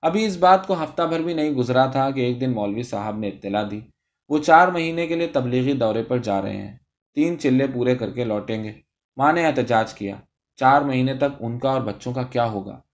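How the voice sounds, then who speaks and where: A man reading a story aloud as narrator in a steady, even manner. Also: mid-range voice, highs cut off.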